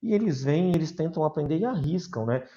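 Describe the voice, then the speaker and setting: A man's voice: a little high, a little fast, highs cut off. Chatty Brazilian man teaching a class. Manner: lively, chatty, addresses students as "galera". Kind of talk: recorded class lesson.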